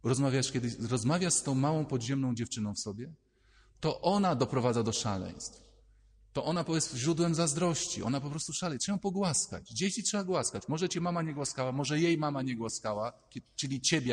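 A man, a priest, giving a lively, conversational sermon and acting out little inner voices as he speaks. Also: medium pitch, normal speed, breathy edge, big-room sound.

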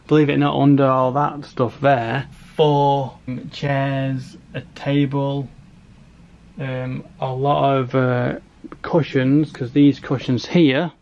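A man's voice: medium pitch, dull audio. A man in his thirties vlogging in a casual, rambling, matter-of-fact way as he walks through a house, recorded on a handheld camera. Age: 30s. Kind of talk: casual walkthrough chat to camera. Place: rooms of a house, indoors. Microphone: camera held at arm's length. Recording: handheld camera with clear background noise.

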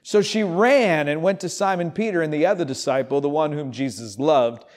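Brief: man, fifties, preacher, somewhat high voice, animated storytelling sermon, church setting. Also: normal speed. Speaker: pastor. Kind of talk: sermon with scripture reading. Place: empty church sanctuary, indoors.

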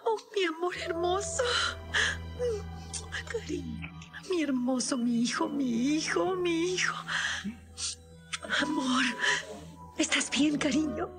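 A desperate, high-voiced mother. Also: normal speed, over music. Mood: tender, soothing. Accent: Latin American Spanish. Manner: impassioned, pleading. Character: desperate, fiercely protective young mother. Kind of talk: dubbed TV drama. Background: loud dramatic score.

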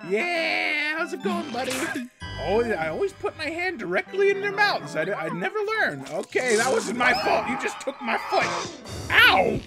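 A performer voicing an excitable cartoon man who rambles and yelps in alarm while reacting to his own cartoon episodes. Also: sits high, moderate pace. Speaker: reacting host character. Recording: loud music playing underneath.

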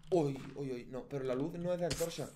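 Speaking fairly quickly in a dark-toned voice with a Spanish accent from Spain, a gaming YouTuber offers casual Let's Play commentary over a faint hiss or hum. He's chatty with himself and his viewers and yelps high-pitched when things go wrong.

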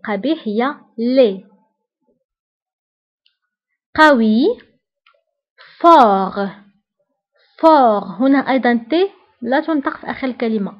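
A woman's voice: on the high side, lo-fi sound. A woman with a Moroccan accent teaching French vocabulary, saying each word and then repeating it with care. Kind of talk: vocabulary lesson.

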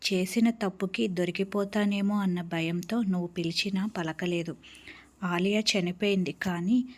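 A woman's voice: mid-range voice, fairly even intonation, a little slow, a little mellow, lightly acted. A woman storyteller voicing an obsessed young man who confesses his crime with tears. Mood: remorseful. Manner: tearful confession.

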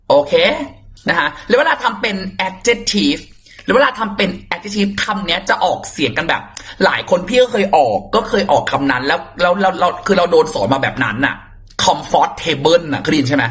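A man's voice: on the high side, a bit bright. Playful chatty male English tutor. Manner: playful, chatty, calls students "child"; drills words by spelling and repeating them. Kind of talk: casual online lesson.

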